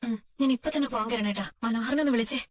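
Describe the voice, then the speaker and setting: A woman's voice: fairly high pitch, rapid-fire, distant mic, a little hiss or hum, lightly acted. A woman voicing a worried young woman who asks earnest questions on a phone call, in an amateur drama dub.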